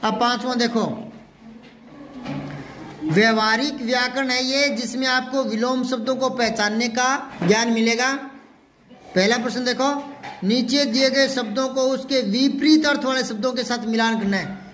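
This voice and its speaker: A man's voice: very high voice, fairly even intonation, moderate pace, a bit bright, slight background noise. A man teaching a classroom lesson, patiently repeating words for the children to learn. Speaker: Hindi teacher.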